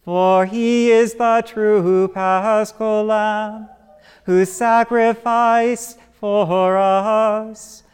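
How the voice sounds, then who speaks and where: A priest chanting the liturgy slowly on a steady tone, his voice ringing in a long cathedral echo. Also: sits high, clean tone. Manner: slow, even chanting on a steady tone. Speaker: priest leading the Eucharist. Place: large church. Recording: long church reverb, faint organ music.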